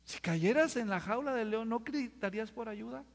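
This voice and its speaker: A man's voice: very high-pitched, lively intonation, moderate pace, vocal fry. A male pastor, preaching a sermon and firing rhetorical questions at the congregation. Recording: long hall reverb.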